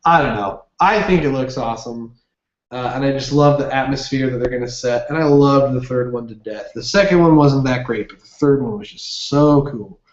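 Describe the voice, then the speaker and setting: A young livestream host with a mid-range voice speaks at a moderate pace during a casual gaming stream. Upbeat and rambling, he uses plenty of fillers while reading viewer comments, and the webcam sound is roomy, dull, and lo-fi.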